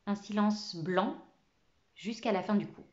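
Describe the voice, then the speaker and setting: A woman narrating a story aloud with lively, expressive phrasing. Her voice sits mid-range, and the recording is muffled and lo-fi. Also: medium pitch, measured pace. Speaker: reader. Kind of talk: audiobook reading of a children's novel.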